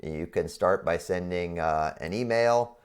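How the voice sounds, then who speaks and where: A man with a congested, frog-in-the-throat voice, under the weather, explaining an online course as a college professor in an informal, halting way. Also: low-pitched, smooth. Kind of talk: explanatory screen-share walkthrough for online students.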